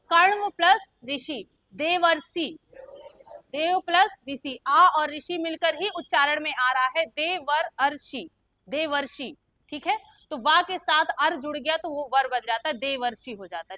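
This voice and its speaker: A woman's voice: sits high, pushed and bright, dry recording. A young woman teaching a grammar lesson, who keeps quizzing her students with questions and then answers them herself. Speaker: Hindi teacher.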